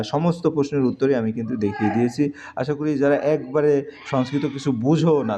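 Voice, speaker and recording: A man tutoring school students in a slow, hesitant exam-prep lesson, pausing often with fillers as he explains. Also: mid-range voice, warm tone, lo-fi sound, slight background noise.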